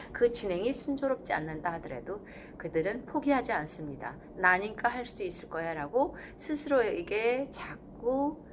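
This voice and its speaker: A woman hosting her channel, talking in a calm, measured, reflective way with thoughtful pauses and gentle self-corrections. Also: lowish voice, slight background noise. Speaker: channel host. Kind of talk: reflective spoken essay.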